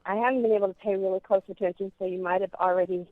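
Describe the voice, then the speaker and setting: A woman's voice: medium pitch, steady tone, rapid-fire, no room sound. A woman caller on a speakerphone phone line, hesitantly reading out questions she wrote down. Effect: over the phone, on speakerphone. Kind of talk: call-in question.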